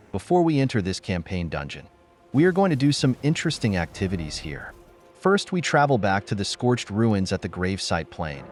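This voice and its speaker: Low-voiced man narrating a game walkthrough. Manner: steady, instructional, step-by-step explaining.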